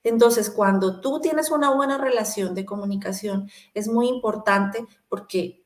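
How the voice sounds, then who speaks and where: A woman giving a sermon-style Bible teaching, encouraging and speaking straight to the listener, pausing with fillers as she looks up verses. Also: mid-range voice, reverberant. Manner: encouraging, addresses the listener directly.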